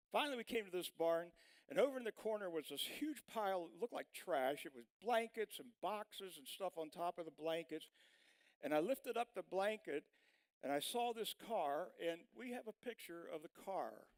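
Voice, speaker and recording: A man's voice: high voice, low-quality recording. A man preaching a sermon as a pastor, telling a personal story in a casual, rambling way with plenty of fillers. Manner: folksy, rambling anecdote with many fillers.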